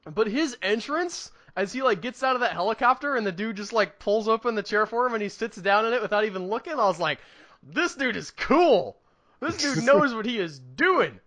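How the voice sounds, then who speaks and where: A man co-hosts a film review podcast, chatting casually about movies with enthusiasm and emphasis, rambling wherever his thoughts lead. His voice is high and fairly bright, with lively intonation at a moderate pace.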